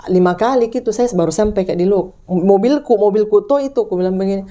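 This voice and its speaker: A woman's voice: quick pace, mellow. A woman telling a ghost story in casual chat, rambling with restarts and acting out the people in it. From Indonesia. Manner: rambling, full of restarts, acts out voices in high pitch.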